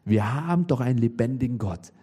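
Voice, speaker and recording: A man preaching a sermon, with lively emphasis and frequent rhetorical questions to the congregation. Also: medium pitch, brisk, slightly rough.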